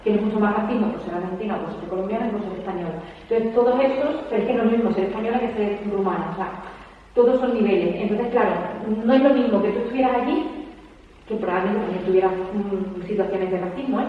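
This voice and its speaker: Fast-talking Spanish woman in an echoey hall. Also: mid-range voice, a little hiss or hum. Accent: Spanish from Spain. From Spain. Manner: animated, rapid, peppers speech with tag questions. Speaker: speaker at a book presentation. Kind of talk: conversational talk to an audience. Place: large hall at a public event. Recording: echoey hall, distant mic, dull sound.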